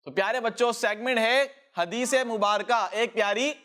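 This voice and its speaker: A man with a fairly high voice hosts a children's program, teaching a short lesson. He speaks patiently and repeats each phrase so that the children can echo it back. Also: fairly bright tone. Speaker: children's show host.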